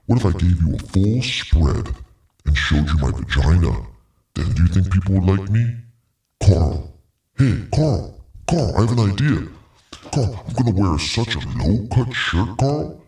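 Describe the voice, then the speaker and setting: A man voicing a mocking parody of an attention-seeking woman streamer, his voice pitched down to sound very deep, whiny and taunting, played back as a clip. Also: expressive, a little slow, darkish tone, echoey room, distant mic. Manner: whiny, taunting, repetitive calling out.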